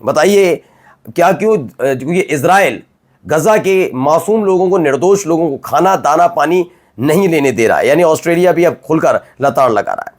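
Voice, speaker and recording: A man anchoring a news roundup, his voice sitting a little high for a man. He talks to viewers directly and emphatically, often asking rhetorical questions before answering them. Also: animated, normal speed. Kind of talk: conversational news presenting.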